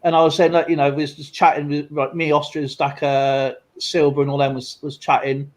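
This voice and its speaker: A man's voice: on the high side, flat delivery, a little fast, rough recording. A man chatting casually on a stream, rambling with lots of fillers and restarts. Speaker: streamer and coin collector. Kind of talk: casual live-stream chat.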